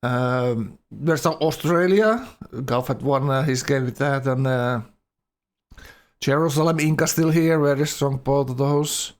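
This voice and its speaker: A man casually commentating a game tournament on a live stream in a loose, halting, rambling way, his speech slightly awkward from a numb mouth. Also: mid-range voice.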